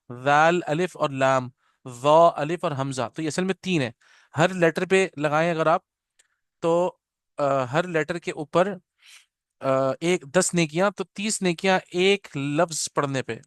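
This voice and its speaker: A man's voice: fairly high pitch, a bit bright, no echo, clean studio sound. A man teaching Quran pronunciation in an online class, patiently explaining and repeating "theek hai na", slipping into English phrases and drawing out letter sounds to demonstrate them. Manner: mixes English phrases into Hindi-Urdu.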